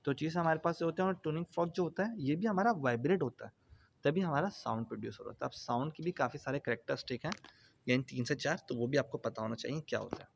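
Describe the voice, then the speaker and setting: A man's voice: on the high side, fast talker, creaky. A man giving a classroom physics lecture, explaining step by step with everyday examples. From Pakistan. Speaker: physics teacher. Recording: dull lo-fi sound with faint noise.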